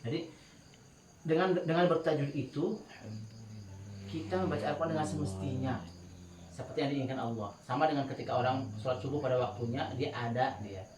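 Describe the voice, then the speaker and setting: A man with a mid-range voice, speaking a little fast and pausing often, gives his students a casual lesson on tajwid. He chats and laughs through anecdotes, breaking into melodic chanting to illustrate the rules. The background is noisy, and he sounds distant in a large space where faint crickets can be heard.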